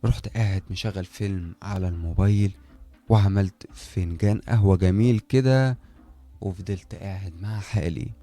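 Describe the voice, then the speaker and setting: A young man with an Egyptian accent narrating a first-person horror story in a lively, conversational way. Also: sits low, moderate pace, faint music behind. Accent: Egyptian Arabic. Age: young adult.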